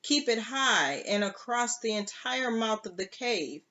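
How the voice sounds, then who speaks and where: A rough, cynical pirate captain barks out blunt orders, as a storybook reader puts him on. The delivery is slow and unhurried. The recording sounds dull and lo-fi. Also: medium pitch, expressive, sharp tone, voice pushed up. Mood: gruff.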